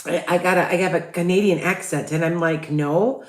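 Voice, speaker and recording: Her voice is low-leaning and steady, moving at normal speed with a roomy sound. She's a Midwestern psychic with a Chicago accent running a casual livestream, rambling loosely, restarting often, and asking her viewers for tips.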